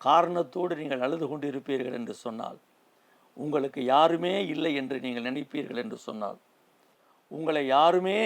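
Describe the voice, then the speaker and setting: Gravelly male preacher. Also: medium pitch. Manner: slow emphatic preaching, repeating phrases. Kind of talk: sermon.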